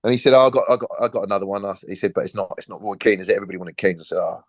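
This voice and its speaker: A man in his forties, a former footballer and podcast guest, telling a relaxed story and acting out the dialogue. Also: on the low side, racing, dry recording. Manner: lively storyteller, acts out quoted dialogue, frequent restarts.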